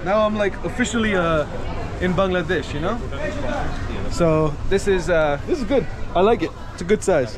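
A man's voice: high-pitched, animated, a little fast. A man in his thirties making a casual travel vlog in a busy indoor shopping mall, chatting to the camera and haggling playfully. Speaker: travel vlogger. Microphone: handheld action camera at arm's length. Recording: noisy mall crowd ambience.

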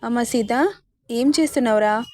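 A woman voicing a gentle old village father. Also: fairly high pitch, normal speed, dry recording, lightly acted. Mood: tender. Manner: tender, reassuring. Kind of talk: storybook narration.

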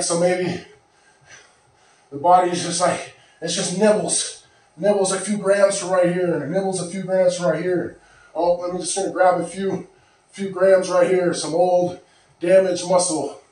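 A man's voice: fairly high pitch, darkish tone, distant mic. Breathless man in an echoey room. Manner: rambling, breathless after lifting, clears throat often. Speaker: fitness vlogger. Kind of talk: casual talk to camera. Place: small home gym room. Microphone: far camera.

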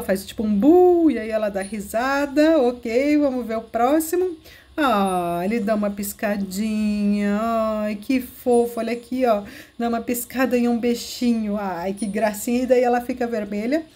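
High-voiced, gushing Brazilian woman. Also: darkish tone. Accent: Brazilian Portuguese. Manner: gushing, giggly, coos over cute things. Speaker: game video host. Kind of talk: excited gameplay walkthrough.

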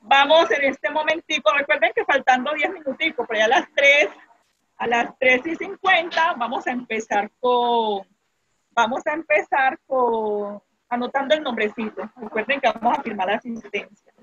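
A woman's voice: high-pitched, normal speed, a bit bright. A woman with a Colombian accent, a primary school teacher running an online class, chatty and fond of diminutives. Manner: chatty, uses diminutives, restarts often. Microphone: video call. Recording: dull, dry video-call audio.

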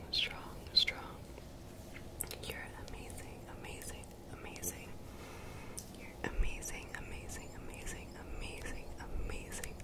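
A young woman whispers soothing, repetitive, encouraging ASMR affirmations close to the microphone. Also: poor audio. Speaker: ASMR video creator. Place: small bedroom, indoors. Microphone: desktop condenser mic, very close.

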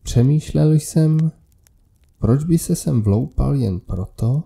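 A man reading a scripted horror story aloud in a measured, steady manner. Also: medium pitch, creaky. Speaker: narrator.

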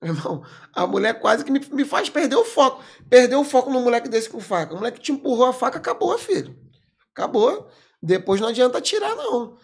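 A man, a military police corporal, telling a story as a podcast guest in an animated, emphatic way, full of slang fillers. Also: very high-pitched, fast, slightly rough. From Brazil. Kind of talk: casual storytelling in an interview.

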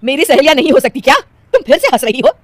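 A loud, scolding mother-in-law from an animated story, voiced by a woman, quick to take offence. Her voice is raised and lively, with a dry, close sound. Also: high voice, no echo, voice pushed up.

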